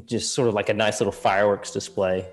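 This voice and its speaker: A man's voice: fairly low pitch, steady tone, fast. A man running a tabletop game as game master, narrating in a loose, hedging way and laughing often.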